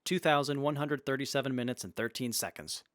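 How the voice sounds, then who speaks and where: A man's voice: mid-range voice, fairly quick, fairly bright tone, dry recording, studio quality, lightly acted. A man playing a precise, literal, helpful robot companion in an audio drama.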